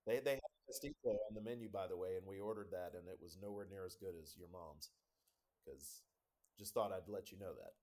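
A man guesting on a podcast, telling relaxed, rambling anecdotes in casual conversation. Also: low-pitched, brisk.

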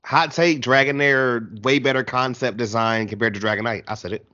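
A man's voice: mid-range voice, fairly even intonation, moderate pace, bright, forceful tone. Male podcast host, slangy and informal, casual interview style, dull recording. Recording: dull, lo-fi audio.

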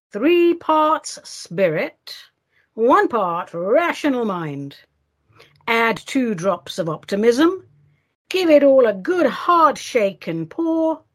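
A woman's voice: high voice, a bit bright. A woman hosting a solo show in a playful, theatrical way, addressing listeners fondly. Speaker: show host.

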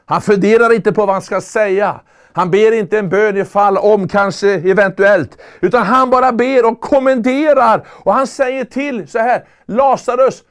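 A man with a notably high voice preaches a sermon. He speaks earnestly and with emphasis, often building up to loud, ringing calls.

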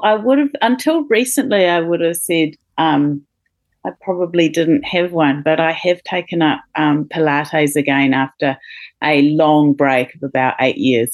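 A middle-aged woman with a notably deep voice answers interview questions in a relaxed, hesitant way, full of fillers and small laughs. The recording is close and dry, with no room sound. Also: no echo. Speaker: podcast guest, company co-founder. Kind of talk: casual interview chat.

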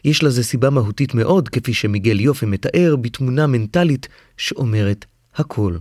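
A man's voice: mid-range voice, a little mellow, no room sound, studio quality. A man hosting a podcast, reading formal scripted narration that links the interview clips. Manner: measured, formal linking narration.

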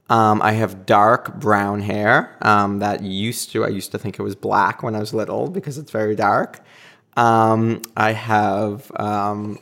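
A man with a Boston accent, talking as a guest in a casual, reflective interview and pausing often to search for words. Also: lowish voice, gravelly. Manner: thoughtful, pauses often with filler words. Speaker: podcast guest.

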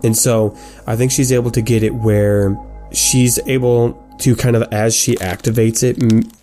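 A man narrating a tabletop game as game master, describing scenes in halting, improvised detail. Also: mid-range voice, flat delivery, dark tone, faint music behind.

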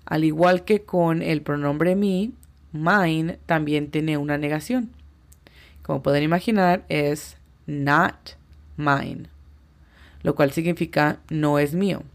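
Slow, patient woman teaching English. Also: low voice, darkish tone. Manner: patient, explains step by step and spells out pronunciations. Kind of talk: podcast language lesson.

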